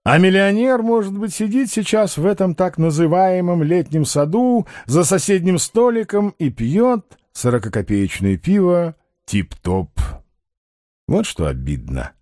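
A self-assured male con man, ironic and grandly eloquent, as a male reader puts him on. His delivery rises and falls widely, and his tone is mellow and warm. The sound is dry and close, with no room around it. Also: high voice, big pitch swings, unhurried, no echo, pitched above the performer's own voice. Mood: dreamy.

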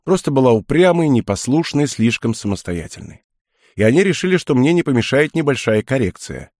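A man voicing a stubborn, sharp-tongued young woman in an audiobook, sarcastic and uneasy by turns. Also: medium pitch, very animated, a little fast, no echo, clean studio sound. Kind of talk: audiobook dialogue.

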